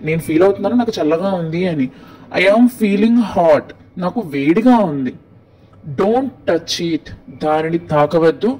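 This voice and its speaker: A man with a Telugu accent teaching spoken English, saying each phrase slowly and clearly, then explaining quickly in Telugu. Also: a little high, expressive, a little mellow, rough recording. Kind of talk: language lesson, slow model phrases with translations.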